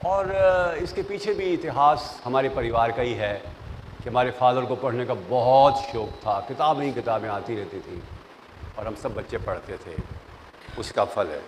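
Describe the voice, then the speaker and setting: An older man, a professor, giving lively classroom advice, telling stories and acting out the voices of people in them. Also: mid-range voice, unhurried. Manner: animated, storytelling, mixes English phrases, acts out quoted voices. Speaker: professor giving interview tips. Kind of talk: classroom lecture. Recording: long reverb, faint noise.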